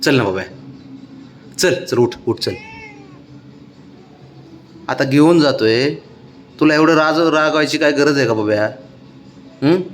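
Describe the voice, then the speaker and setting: A man's voice: fairly high pitch, takes it slowly, pauses often, a little hiss or hum. A man coaxing his sulking pet in doting, repetitive baby talk for a casual vlog.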